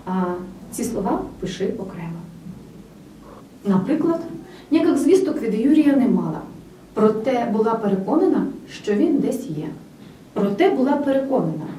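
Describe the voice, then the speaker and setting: A woman giving a scripted grammar lesson, speaking clearly and with emphasis straight to the student. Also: mid-range voice, mellow. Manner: clear, emphatic teacher's delivery addressing the student directly. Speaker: language teacher. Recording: roomy, slightly distant with faint noise.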